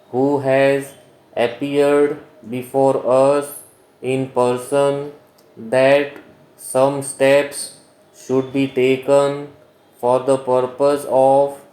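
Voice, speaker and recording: Male instructor dictating for shorthand practice: extremely slow, flat delivery in short chunks, echoing room sound. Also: medium pitch. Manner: dictating in short separated phrases with pauses. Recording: roomy, echoing voice recording.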